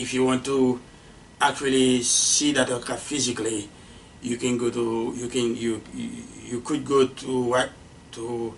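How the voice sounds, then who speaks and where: A man lectures on early aviation, stopping often and restarting his sentences with plenty of fillers. He talks slowly at a middling pitch. The mic sits some distance away and picks up a faint hiss. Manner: halting, many fillers and restarts. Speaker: aviation instructor. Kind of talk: unscripted lecture.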